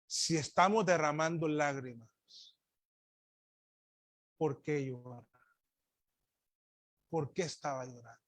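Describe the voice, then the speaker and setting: High-voiced man preaching with sharp dynamic swings. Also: slow pace, pauses often, no echo. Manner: swings from loud emphatic lines to near-murmured asides; addresses listeners as brothers, rhetorical questions. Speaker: pastor. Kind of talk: sermon.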